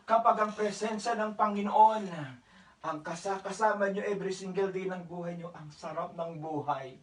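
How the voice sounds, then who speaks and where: A man's voice: high-pitched, sharp tone, echoey room, distant mic, poor audio. A man pastor preaching a church sermon, speaking politely and mixing in English phrases, sometimes raising his voice for emphasis. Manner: raises his voice for emphasis at times.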